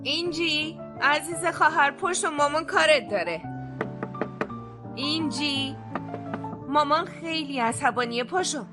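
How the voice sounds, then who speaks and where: Young woman dubbing earnest daughter in a tv drama, bit high, defensive, soft music under. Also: pauses often, natural voice. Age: young adult. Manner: pleading, defensive. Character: young woman, dutiful studious daughter aiming to be judge. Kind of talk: dubbed TV drama.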